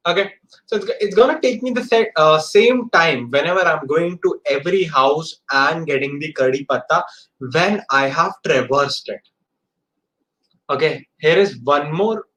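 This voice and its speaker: A man's voice: a little high, moderate pace, a bit bright, rough recording. A man with an Indian accent teaching an informal live coding lesson, often repeating phrases and checking that students follow. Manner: repeats phrases, checks understanding with short tags.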